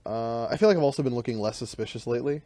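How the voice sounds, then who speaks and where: Fast-talking man with a mellow voice. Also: mid-range voice, no echo. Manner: fast, rambling, full of fillers like "like". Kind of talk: casual livestream chat.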